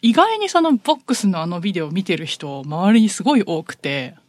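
A woman chatting casually as a podcast co-host, telling animated stories and laughing often. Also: mid-range voice, fairly quick, dry recording, clean studio sound. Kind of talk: casual chat.

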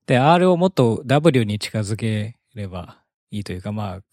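A man's voice: fairly low pitch, sing-song, moderate pace, darkish tone, no echo, clean studio sound. A man co-hosting a casual podcast, answering with short, easygoing remarks and light laughs. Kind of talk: casual chat.

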